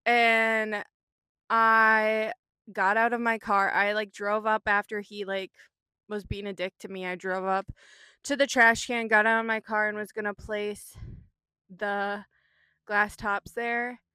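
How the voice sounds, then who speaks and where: A woman's voice: mid-range voice, little pitch movement, takes it slowly, sharp tone, clean tone, dry recording. A young woman vlogging from her car, talking in a rambling, candid way and swearing casually. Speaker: vlogger and artist. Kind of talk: casual chatty vlog. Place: inside a parked car.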